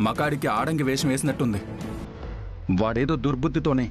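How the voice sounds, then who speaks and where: A man's voice: mid-range voice, brisk, faint music behind, close to an everyday voice. An actor playing a hot-tempered assistant who defends his wife and reproaches her. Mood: reproachful. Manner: angry, protective. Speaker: assistant and husband. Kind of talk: TV serial acting.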